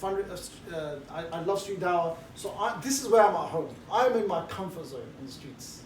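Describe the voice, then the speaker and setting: Speaking fairly quickly, a middle-aged man who trains street preachers gives a group a cheeky, relaxed briefing with jovial banter, his voice pitched fairly high. Recorded from afar in a room with roomy echo, the clip carries faint background noise and crowd sounds.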